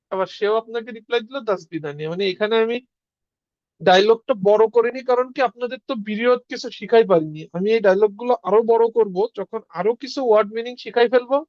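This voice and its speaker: A man teaching an online language class, explaining step by step and repeating words slowly. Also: high voice, dry recording. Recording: dull, lo-fi sound.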